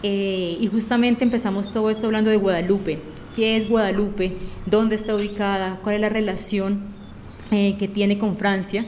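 A woman with a medium-pitched voice hosts a live radio program, warmly greeting listeners, reading their messages and summing up the conversation. Her delivery is flat and at normal speed. The sound is reverberant, with slight background noise.

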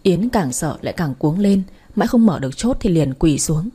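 A woman narrating a story aloud at a measured pace and speaking to her listeners as the channel's narrator. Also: lowish voice, expressive, mellow, breathy edge.

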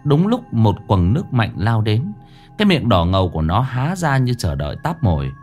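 A male storyteller narrates a spooky tale in the first person. His fairly low voice rises and falls widely as he dramatizes the scenes. Soft music plays faintly underneath. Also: big pitch swings, a little fast. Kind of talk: scripted ghost story narration.

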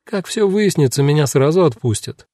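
A man voicing a sharp-tongued, defiant young woman prisoner who snaps back sarcastically. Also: fairly high pitch, expressive, moderate pace, dry recording, clean studio sound, voice pushed up. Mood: snappy. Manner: snapping, sarcastic.

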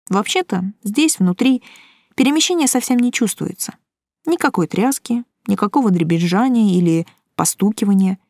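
A woman reading a first-person audiobook in a calm, dry, wry manner. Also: mid-range voice, no echo. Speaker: audiobook narrator.

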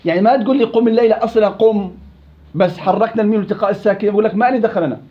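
A man's voice: high-pitched, very fast, muffled recording. A man teaching a Quran recitation class, quizzing students by name and teasing them. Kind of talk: interactive classroom lesson.

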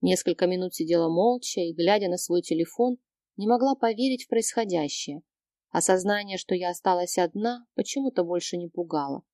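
A woman narrating a first-person audiobook in an even, measured reading. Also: fairly low pitch, no room sound, studio quality.

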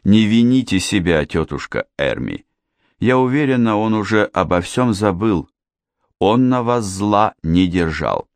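A man reading a calm, gentle young niece. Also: lowish voice, a little slow, no room sound, studio quality. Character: calm, kind young woman, the widow's niece.

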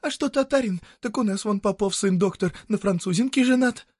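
A man voicing a young peasant woman who coaxes and pleads in a hushed, urgent way. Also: high-pitched, brisk, no room sound, clean studio sound, voice pushed up. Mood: pleading, urging. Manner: pleading, coaxing whisper.

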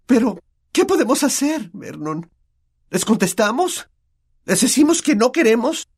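A man's voice: extremely high pitch, sing-song, measured pace, slightly rough, pitched above the performer's own voice, exaggerated voice. A man with a Latin American Spanish accent voicing a nervous, fretful middle-aged aunt in an audiobook. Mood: frightened. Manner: trembling and fretful. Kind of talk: audiobook character voice.

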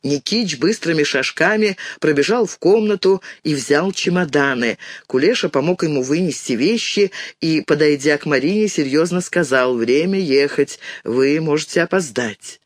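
A man narrating an audiobook in an even storytelling manner on a close mic. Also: on the high side, moderate pace, few pauses, dry recording. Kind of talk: scripted narration.

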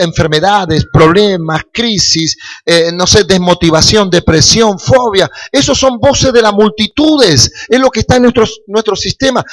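Un pastor argentino con acento rioplatense que predica un sermón, hace preguntas al público y sube a gritos en las exhortaciones. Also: male voice, high-pitched. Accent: Rioplatense Spanish. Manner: preaching with rising, shouting calls to the congregation; jokes and asks the crowd questions. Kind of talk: sermon.

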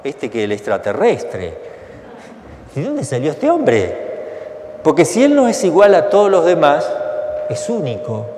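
Animated priest preaching. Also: male voice, fairly high pitch, measured pace, pauses often. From Argentina. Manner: animated, asks rhetorical questions, colloquial. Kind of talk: sermon. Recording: echoey hall, faint background noise.

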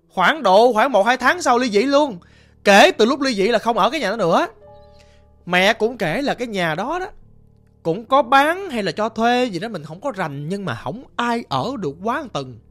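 Southern vietnamese lady rambling through a ghost story, trips over her words, kinda high voice, soft music under it. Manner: rambling, emphatic, stammers with repeated words. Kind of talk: casual spoken ghost story.

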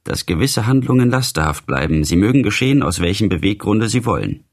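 A man's voice: lowish voice, animated, brisk, slightly rough. A man voicing a sober, reasoning young Albert. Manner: level-headed, matter-of-fact, mildly impatient. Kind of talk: literary audiobook reading.

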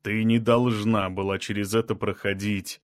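A male reader voicing a calm, blunt man from another kind of people, level and matter-of-fact even about killing. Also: fairly low pitch, moderate pace, dry recording, studio quality, natural voice. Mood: cold resolve.

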